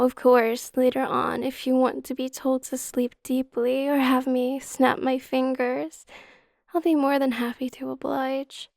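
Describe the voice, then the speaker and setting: A woman guiding a hypnotic induction in a slow, soothing hypnotist manner, with a soft, breathy, half-whispered ASMR delivery. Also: high voice, no echo, clean studio sound. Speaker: hypnotist guide.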